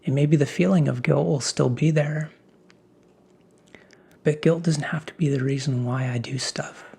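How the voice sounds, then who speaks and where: A man speaking in a soft, half-whispered ASMR pep talk, breathy and reflective, as if musing aloud. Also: on the high side, measured pace. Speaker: ASMR host.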